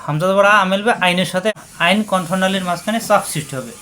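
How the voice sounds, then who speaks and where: A man leads a word-by-word tajweed lesson in a notably high voice. He patiently repeats each syllable and stretches recited words into slow chant. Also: pushed and bright. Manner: patient, repetitive drilling of syllables, slows and sings out recitation. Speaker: Quran recitation teacher.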